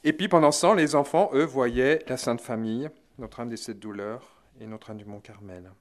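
Male preacher, mid-pitched, lively dramatic storyteller who drops chuckling asides. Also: moderate pace. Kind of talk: religious storytelling talk.

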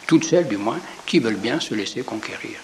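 A man's voice: fairly low pitch, lively intonation, a little fast, vocal fry, slight background noise. Chatty French-speaking preacher man. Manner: conversational and digressive, with rhetorical asides and repeated words. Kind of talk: informal sermon retelling the Gospel.

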